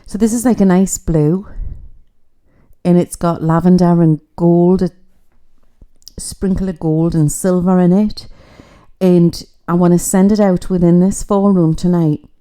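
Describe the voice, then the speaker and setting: A woman's voice: fairly low pitch, steady tone, unhurried, warm tone. A middle-aged woman gives a casual, rambling spiritual reading on a livestream. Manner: chatty, rambling, mystical. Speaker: psychic.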